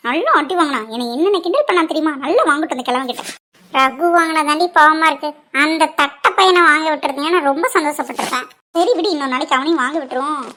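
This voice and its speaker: Woman voicing a high teasing cartoon girl. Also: fast talker, pushed and bright, slight background noise. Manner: teasing, coaxing, whiny when scolded. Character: playful teasing young woman, sharp-tongued. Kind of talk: cartoon voice acting.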